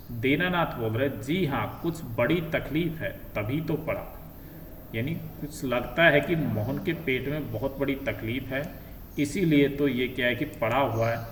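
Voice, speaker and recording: Male teacher explaining in an echoey room. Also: mid-range voice. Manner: reads a line, then paraphrases it plainly. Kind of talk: explaining a textbook lesson. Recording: echoey room from a distance, faint noise.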